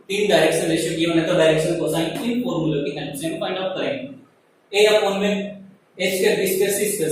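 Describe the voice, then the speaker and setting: A man teaches maths, walking through each step and asking his students questions as he works. He sounds far from the mic, in a very echoey room with faint noise behind him. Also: high-pitched. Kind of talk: classroom maths lesson.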